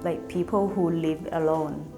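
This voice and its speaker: A woman from Thailand, an art student who talks in an unhurried way with many fillers. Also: deep voice, fairly even intonation, over music. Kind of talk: documentary interview.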